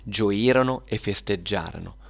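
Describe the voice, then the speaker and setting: A man narrating a scripted children's story in a steady, lively way. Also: fairly low pitch, unhurried, creaky.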